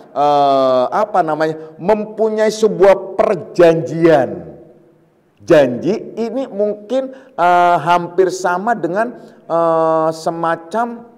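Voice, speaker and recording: A man giving a religious study lecture, animated and full of fillers, now and then acting out mocking voices. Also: on the high side, in a large hall. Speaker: Islamic teacher.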